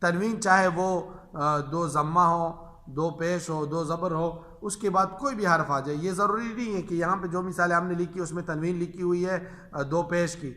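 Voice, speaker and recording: A man with an Urdu accent teaching Quran recitation rules, speaking patiently and repeating each example slowly in a drawn-out chant. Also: sits high, steady tone, bright, forceful tone, reverberant.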